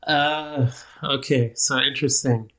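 A man's voice: mid-range voice, fairly even intonation, a little slow, fairly bright tone. A man in his thirties, a guest on an interview podcast, talking casually in a rambling, self-deprecating way with frequent restarts. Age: 30s. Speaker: guest, nonprofit program manager.

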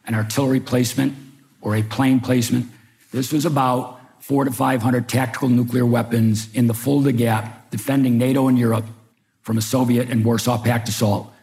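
At a public talk in a museum event room, an older former FBI agent from Chicago speaks on a panel and recounts his own experiences. His medium-pitched voice is creaky and darkish, and his wry storytelling is full of hesitant restarts.

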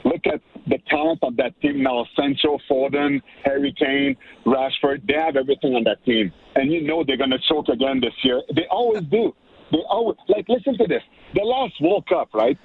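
A man calling in as a guest on sports talk radio, excitable, often repeating himself and starting over. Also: a little high, normal speed, husky, no room sound. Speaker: radio show guest analyst. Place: in Montreal. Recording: tinny phone line.

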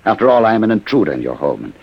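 An actor playing a courteous, weary old refugee inventor in a radio science fiction drama, with a gravelly, husky voice. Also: male voice, on the low side, sing-song, very fast, dull audio, exaggerated voice. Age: older.

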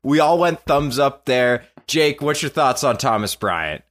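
A man's voice: medium pitch, lively intonation, fairly bright tone. Laughing, joking podcast host, a man. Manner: joking, laughs often, quick asides. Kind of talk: casual sports podcast chat.

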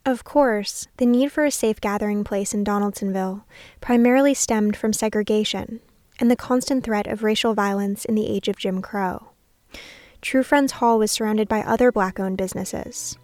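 A woman hosting a podcast, narrating a scripted documentary story in a measured way. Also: mid-range voice, darkish tone. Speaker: podcast host.

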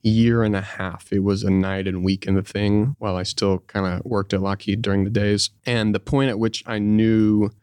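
A man speaks as a podcast guest in a low voice, recorded dry. He talks casually, with halting self-corrections along the way. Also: level tone, darkish tone, clean tone, no echo. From Texas, United States. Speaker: podcast guest, small business founder. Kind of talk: casual interview talk.

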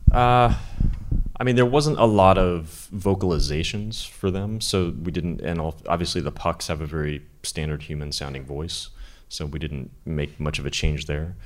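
A man on a panel answering audience questions about his sound mixing work, in a relaxed, technical way with frequent ums. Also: extremely low pitch, normal speed. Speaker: re-recording mixer on a panel.

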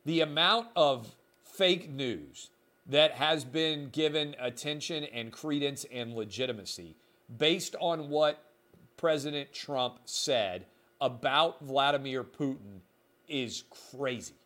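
A man's voice: medium pitch, slow pace, sharp tone. A middle-aged man hosting a solo opinion podcast, talking emphatically and indignantly, with sarcastic asides. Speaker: podcast host.

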